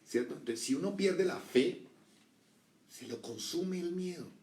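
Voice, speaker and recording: Gravelly preacher in an echoey room. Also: male voice, on the high side, animated, measured pace, a little mellow, recorded from a distance. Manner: conversational preaching with rhetorical questions and acted quotes. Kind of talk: sermon.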